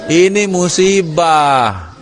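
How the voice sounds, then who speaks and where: A male religious teacher tells a moral story to his class, his fairly high voice swooping with expression. He acts out the scenes and stops to quiz his listeners. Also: extremely slow, over music. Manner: animated storytelling, acts out characters, asks the class questions. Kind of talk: Islamic study lesson.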